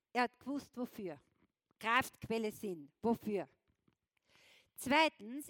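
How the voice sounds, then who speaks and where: A woman giving a lively motivational talk on stage, often checking in with her audience. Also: fairly high pitch, no echo. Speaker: motivational speaker. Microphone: wireless clip-on transmitter.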